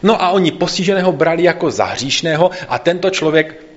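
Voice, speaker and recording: A man's voice: a little high, expressive. A man reading a scripture passage aloud and then explaining it in a conversational sermon, in a slightly dull recording. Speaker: preacher.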